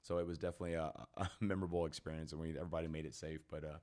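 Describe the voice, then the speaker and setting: A middle-aged man with a low, deep voice, talking as a guest on a podcast. He tells his stories in a casual, animated way, full of "like" and "man". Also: rapid-fire. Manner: animated, lots of "like" and "man" fillers. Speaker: podcast guest, personal trainer. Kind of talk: casual storytelling.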